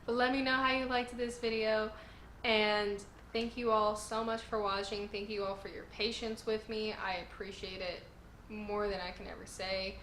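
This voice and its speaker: In another casual video review, the same sore-throated channel host talks through manga chapters, earnest and gushing, her voice sounding strained. Her mid-range pitch barely moves, her speed is normal and her tone fairly bright, and the roomy space carries a little hiss or hum.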